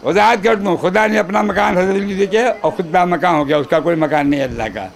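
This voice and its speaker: A man's voice: sits high, brisk, vocal fry. A man reciting devotional poetry at a shrine gathering, repeating each couplet and chatting with the audience between verses.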